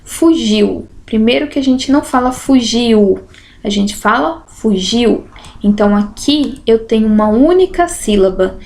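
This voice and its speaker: A woman teacher with a slow, didactic way of talking, going through exercises in a lesson and stretching out syllables to make her points. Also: fairly high pitch, expressive, darkish tone. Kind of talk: explanatory lesson, correcting exercises.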